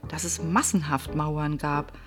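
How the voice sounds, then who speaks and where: A woman reading a children's story aloud with expressive storybook narration. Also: low voice, unhurried.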